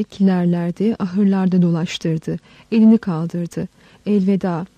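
A woman narrating a historical story in a measured, dramatic reading. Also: medium pitch, dark tone, slightly rough, no room sound. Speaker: audiobook narrator.

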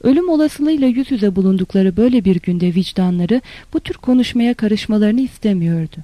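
A narrator reading a literary novel in a steady, even storytelling manner. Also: mid-range voice, a little fast, dry recording. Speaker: audiobook narrator.

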